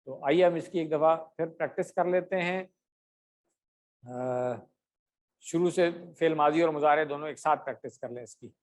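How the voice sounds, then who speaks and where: An Arabic grammar teacher, a man with a slightly raised pitch, runs an online class over a computer mic on a video call with his camera off. He is patient, often pausing on fillers, and stretches out each drill word slowly so students can repeat it.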